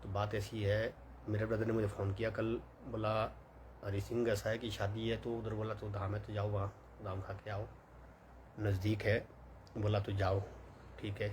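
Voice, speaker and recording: A man's voice: on the low side, completely flat delivery, normal speed, darkish tone, slight background noise. Man telling a rambling story. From Himachal Pradesh, India. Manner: rambling, many fillers and quoted dialogue. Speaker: vlogger. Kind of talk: casual storytelling monologue.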